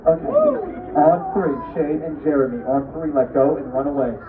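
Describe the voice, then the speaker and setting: A man's voice: on the high side, fairly even intonation, normal speed. A man performing comedic live stage patter, projecting cheeky banter to volunteers and audience at an outdoor show. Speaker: street performer, unicycle stunt comedian. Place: outdoor wooden stage in woods at a fair. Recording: distant, tinny, echoey crowd phone video. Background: noisy outdoor audience.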